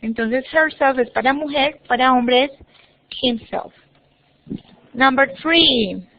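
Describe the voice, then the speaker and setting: A woman teaching an English class online, explaining patiently and repeating words slowly. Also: high-pitched. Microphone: video call. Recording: muffled online call audio.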